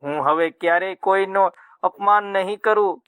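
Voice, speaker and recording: Man doing a sorrowful queen from an old legend, shaky pleading voice, bit high, dry mic. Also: normal speed, a bit bright, clean tone, no echo. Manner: trembling, imploring delivery. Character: grieving queen Draupadi, adult woman, pleading.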